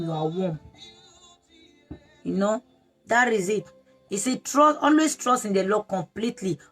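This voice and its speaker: Fervent woman preaching online. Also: mid-range voice. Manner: fervent, repetitive exhortation. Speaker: prayer leader. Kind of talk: online sermon.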